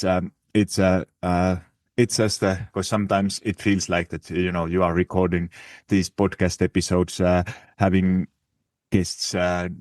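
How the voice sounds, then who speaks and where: A man's voice: deep voice, darkish tone, no room sound, studio quality. A Finnish-accented man hosting his fitness podcast in casual, hesitant talk full of fillers and restarts. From Finland. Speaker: podcast host. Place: living in Italy.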